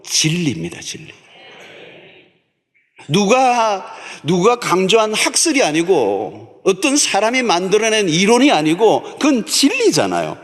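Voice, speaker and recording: A man preaching a sermon as pastor, emphatic and repeating key words for stress. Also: high voice. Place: large church sanctuary. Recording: long church hall reverb.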